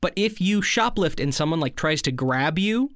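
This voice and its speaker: A man co-hosting a comedy sketch, parodying a soothing guided meditation in a deadpan manner and bantering with his partner. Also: fairly high pitch, moderate pace, no room sound, clean studio sound. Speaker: comedy podcast co-host.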